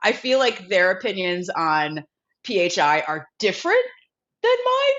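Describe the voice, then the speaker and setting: Woman co-host with a head cold, lively up-and-down delivery, dull lo-fi recording, gushing enthusiasm. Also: medium pitch, measured pace. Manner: excitable, gushing, says "freaking" a lot. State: has a cold. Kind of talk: casual podcast chat. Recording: dull lo-fi sound.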